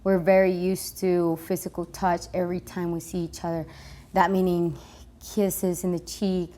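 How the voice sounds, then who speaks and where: Young woman interviewee, low and monotone, halting delivery. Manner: hesitant, many "um" and restarts. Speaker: international student. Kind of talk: interview testimony.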